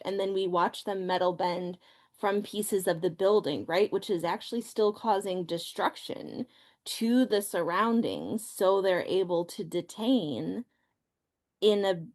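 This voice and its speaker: A woman co-hosting a podcast discussion, deliberate and often adding "right?". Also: mid-range voice, darkish tone. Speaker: podcast co-host. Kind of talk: casual discussion.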